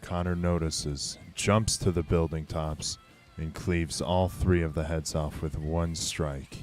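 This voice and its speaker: Very deep-voiced male game master. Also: fairly even intonation, slow pace. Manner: grim dramatic narration. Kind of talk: narrating a tabletop game. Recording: faint background music.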